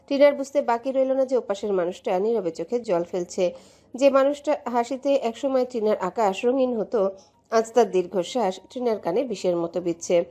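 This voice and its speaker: Woman narrator, mellow voice, emotive storytelling, romantic audio story. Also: a little high, moderate pace.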